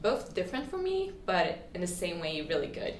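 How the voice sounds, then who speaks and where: In a casual interview, a Swedish guest in her twenties recounts her story in a low-ish, sing-song voice at a moderate pace. Chatty and prone to "like" and restarts, she often acts out what others said. The recording has room echo and faint ambient noise.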